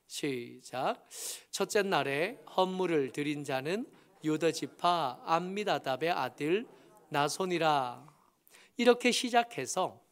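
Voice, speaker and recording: A man with a Busan accent preaching a sermon as pastor, explaining scripture slowly with frequent fillers and emphatic rises. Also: on the high side. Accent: Busan Gyeongsang.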